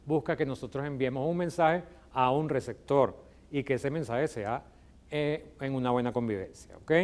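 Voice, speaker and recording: A Venezuelan man teaching a lesson on television in a mid-range voice, neither high nor low. He walks through the ideas patiently and keeps checking in with the viewer. He sounds like a teacher at a whiteboard. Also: a little mellow. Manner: explanatory, checks in with frequent "ok?". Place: studio with electronic whiteboard.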